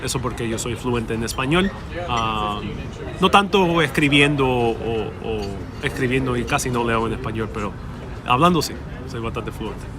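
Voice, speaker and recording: Expressive and speaking at normal speed, this young man, whose first language is Spanish, hosts a casual livestream in a mid-range voice. He reads viewers' questions aloud and rambles warmly on a busy city street, his wireless clip-on mic picking up clear crowd noise and passing traffic.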